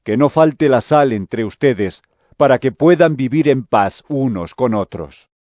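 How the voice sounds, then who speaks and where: An actor playing Jesus in an audio drama, a solemn, authoritative yet gentle male teacher speaking in measured phrases. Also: medium pitch, expressive, no echo, natural voice. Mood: grave warning.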